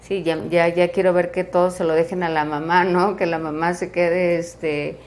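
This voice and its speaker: A woman's voice: fairly low pitch, flat delivery, normal speed, a little mellow. A woman hosting an interview, chatty and fond of acting out everyday scenes. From Mexico. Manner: chatty, acts out everyday scenes, many fillers. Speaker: host. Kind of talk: interview talk.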